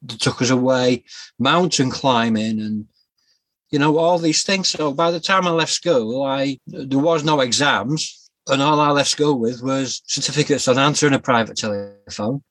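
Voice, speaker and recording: A man's voice: mid-range voice, a bit bright, dry recording. Reflective man, dry sound. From Yorkshire, England. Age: 40s. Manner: reflective, halting with fillers and restarts. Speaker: guest author. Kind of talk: personal storytelling interview.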